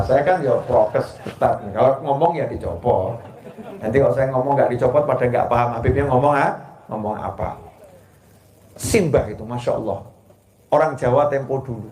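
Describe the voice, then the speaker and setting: A man from Solo with a Javanese accent, preaching a sermon to a live gathering in a lively manner, joking with the audience. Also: on the high side. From Solo, Central Java. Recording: echoey hall.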